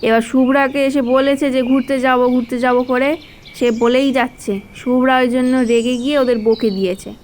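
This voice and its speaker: A woman's voice: high-pitched, steady tone, brisk, a little mellow, a little hiss or hum. A woman narrating a doll-play story in a chatty, homely way. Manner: chatty, homely, scolding in character.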